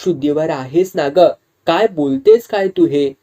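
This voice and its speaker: Proud village wife firing off indignant questions, a storyteller putting her on, mellow low-key tone. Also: lively intonation, a little slow, close to an everyday voice. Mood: shocked. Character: anguished married village woman, defiant and proud. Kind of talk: storytelling with character voices.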